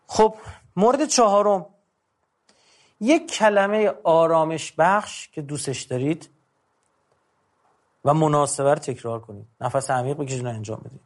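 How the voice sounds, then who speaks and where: A middle-aged man giving an informal, conversational lecture, going through numbered tips with emphasis. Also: mid-range voice. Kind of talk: informal talk on controlling anger.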